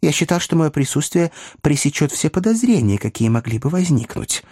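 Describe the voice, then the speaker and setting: A man voicing a mild, kindly older gentleman in a story reading, earnest, polite and formal. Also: fairly high pitch, big pitch swings, fairly quick, husky, dry recording, studio quality, voice pushed up.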